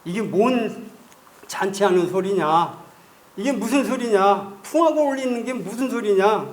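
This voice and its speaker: A man's voice: sits high, animated, measured pace. A man voicing an aggrieved son who complains to his father, with demanding rising questions. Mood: indignant.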